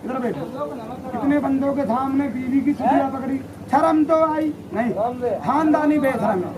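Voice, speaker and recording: A man's voice: very high-pitched, moderate pace. A man performing a rowdy, teasing comic street show for a crowd, switching between the voices of his characters. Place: outdoors on a busy street. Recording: noisy outdoor crowd recording.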